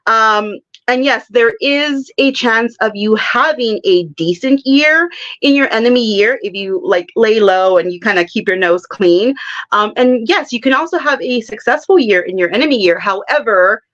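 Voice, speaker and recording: A woman's voice: fairly high pitch, lively intonation, moderate pace, fairly bright tone. Woman guest, easygoing talker, laughs often, muffled lo-fi recording. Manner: chatty, laughs often, explains with examples. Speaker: psychic guest. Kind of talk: casual interview chat.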